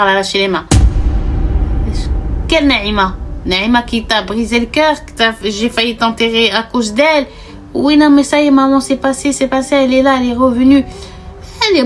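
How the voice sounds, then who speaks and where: A woman mixed words, telling a story casually and acting out each character's lines. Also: medium pitch. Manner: animated, acts out dialogue, mixes in Arabic words.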